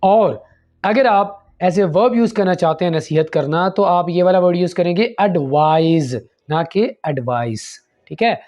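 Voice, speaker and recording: A man giving an English lesson, explaining confusing word pairs and repeating example sentences slowly. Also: high-pitched, a little mellow. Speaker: English teacher. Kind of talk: language lesson.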